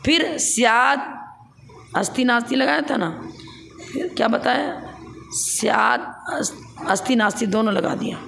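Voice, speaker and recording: Gravelly-voiced woman teaching scripture. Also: on the high side, unhurried, long pauses, a bit bright, slight background noise. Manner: explains step by step, with rhetorical questions. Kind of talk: classroom scripture lecture.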